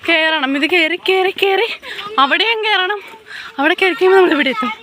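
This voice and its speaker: A young woman with a Kerala accent chatting casually to vlog viewers, excitable and mixing English words into Malayalam. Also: very high voice, a little fast. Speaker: travel vlogger. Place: outdoors at tourist spots. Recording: noisy outdoor handheld vlog, traffic sounds.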